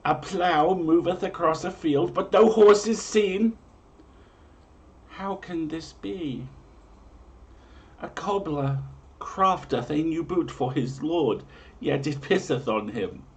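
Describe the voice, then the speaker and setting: A man with a fairly high voice hosts a livestream, speaking slowly and pausing often. His reading of a comic in mock-medieval English is emphatic and theatrical, and he then chats casually.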